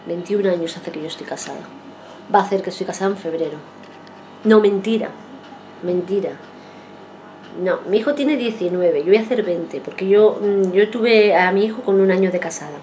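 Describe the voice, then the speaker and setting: A woman's voice: medium pitch, normal speed, warm tone, a little hiss or hum. A woman in her forties, a vlogger telling a long story to her viewers in a rambling way, repeating herself and acting out what people said. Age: 40s. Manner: rambling, repeats herself and acts out quoted speech.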